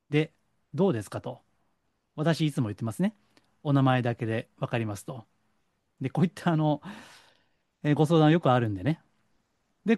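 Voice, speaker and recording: Middle-aged kansai guy lecturing, pitch jumping all over, dry close sound. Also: dry recording. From Kansai, Japan. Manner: lecturing, animated, slows for stress. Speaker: psychic counselor. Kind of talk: solo monologue to camera.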